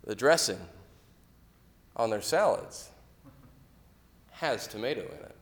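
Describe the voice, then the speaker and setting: A man's voice: medium pitch, expressive, slow pace, roomy sound. A middle-aged man telling a story in a sermon, talking conversationally and asking the listeners questions. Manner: conversational, asks the listeners questions, grows loud when quoting anger. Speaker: preacher.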